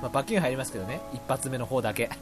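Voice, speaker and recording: A man hosting a casual radio show, reading listener mail and rambling between laughs and quick impressions. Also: medium pitch, expressive, soft background music.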